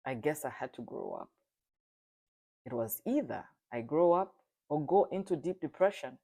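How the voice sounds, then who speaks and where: A speaker from Zambia giving an earnest, solemn personal testimony, sometimes halting and restarting. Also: mid-range voice, mellow. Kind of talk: reflective spoken testimony.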